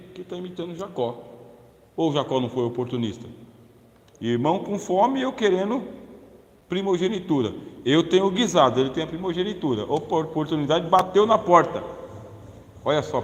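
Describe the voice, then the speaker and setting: A Brazilian male pastor preaches in a chatty, joking way, tossing questions out to his listeners. His voice sits a bit on the higher side for a man. The sound carries a long, roomy reverb from the church hall. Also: lively intonation, brisk. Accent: Brazilian Portuguese. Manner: jokey, chatty, asks the audience questions. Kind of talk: humorous sermon-lecture.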